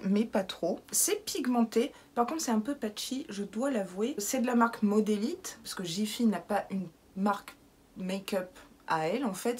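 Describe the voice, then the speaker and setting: A woman's voice: fairly high pitch, a little mellow, husky. A woman with a French accent chatting casually and playfully as a beauty vlogger, reviewing her makeup collection. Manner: chatty, playful, self-mocking with invented words.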